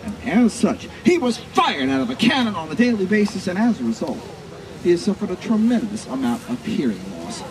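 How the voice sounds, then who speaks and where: A man working as a flea circus showman, delivering grandiose, mock-formal carnival patter to a live audience with dramatic, drawn-out emphasis. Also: high voice, big pitch swings, poor audio. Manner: mock-formal, addressing onlookers as ladies and gentlemen. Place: live public show at a community event. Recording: live event with crowd noise behind. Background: audience crowd.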